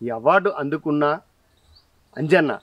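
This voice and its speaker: A man with a Telangana Telugu accent hosting a talent show and interviewing a guest, energetic and promotional. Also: fairly high pitch, unhurried, no echo, lo-fi sound. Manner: energetic, promotional, frequent mm-hm backchannels. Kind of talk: casual interview.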